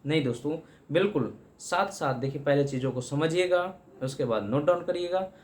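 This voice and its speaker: A man's voice: on the high side, expressive, a little fast, darkish tone. Echoey male Hindi grammar teacher. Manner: repeats terms, addresses students as friends. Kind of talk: Hindi exam-prep grammar lesson.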